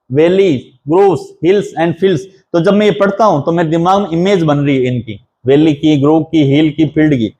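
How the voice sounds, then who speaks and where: A male assistant professor, giving a lecture on a poem. He reads the lines slowly, explains each one, and repeats key terms as he counts them out. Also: fairly high pitch, warm tone. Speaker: assistant professor teaching English literature.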